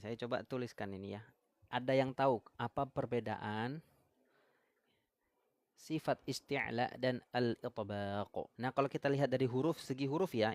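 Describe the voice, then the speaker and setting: A man with an Indonesian accent teaches Quran recitation on a live stream, at an ordinary middle pitch. He quizzes his viewers and reads their comments aloud. The sound is dry and close, with no room echo. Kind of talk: live-stream tajwid lesson.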